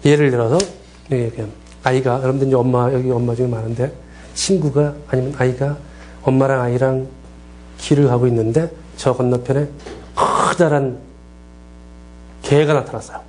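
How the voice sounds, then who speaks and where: A man's voice: medium pitch, normal speed, pauses often. A middle-aged man teaching a counseling class, asking the class questions and acting out short quoted lines. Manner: lively, acts out quoted dialogue, asks the class questions. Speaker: counseling lecturer. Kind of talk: lecture.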